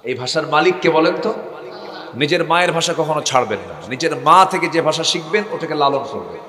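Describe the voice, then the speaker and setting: A man with a northern Bangladeshi accent from Bogura preaching a waz sermon to a live crowd, swinging from soft to shouted and calling on them to answer back. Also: a little high, expressive, a little fast. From Bogura district, Bangladesh. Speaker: Islamic preacher. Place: religious gathering to a live crowd. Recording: echoey loudspeaker sound with long reverb.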